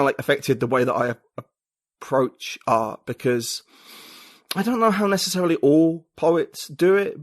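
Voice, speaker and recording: A man, a writer and podcaster, speaks at medium pitch as a guest in a casual interview, recorded with clean studio sound and no room echo. He's reflective, thinking aloud and using lots of fillers.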